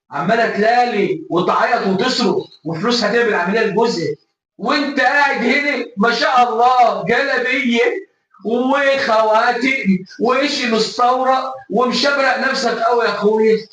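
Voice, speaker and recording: An Egyptian man with a high voice holds forth in a comedy sketch, chatty and quick to scold. He speaks with an Egyptian accent. The sound echoes around the room. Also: fairly bright tone, recorded from a distance. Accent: Egyptian Arabic. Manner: scolding, talkative.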